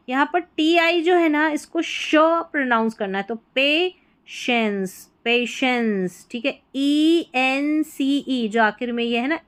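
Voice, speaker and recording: A woman's voice: sits high, clean tone. A woman teaching English reading, spelling words letter by letter and then explaining how to pronounce them and what they mean. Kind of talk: slow word-by-word reading lesson.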